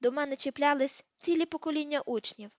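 A woman's voice: high-pitched, a little fast, no room sound, voice pushed up, natural voice. A woman voicing the proud, disdainful ghost of a young woman, in a dull, dry audiobook recording. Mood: indignant. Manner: haughty, disdainful.

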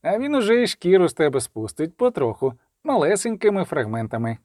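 A man voicing a cold, sardonic middle-aged male coroner who speaks in a measured, menacing way. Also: on the high side, big pitch swings, darkish tone, dry recording, clean studio sound. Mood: mocking.

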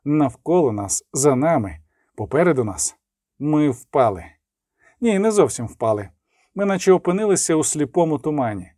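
Male audiobook narrator, dramatic reading, mellow tone, dry close sound. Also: a little high, moderate pace, no room sound. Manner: reads with lively dramatic emphasis, voicing the dialogue lines. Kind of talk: scripted narration.

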